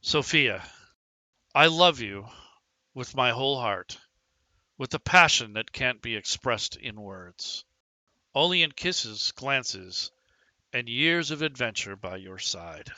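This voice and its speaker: A man's voice: mid-range voice, animated, slow, long pauses, sharp tone, no room sound, exaggerated voice, rough recording. A man voicing a proud, determined young groom. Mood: earnest.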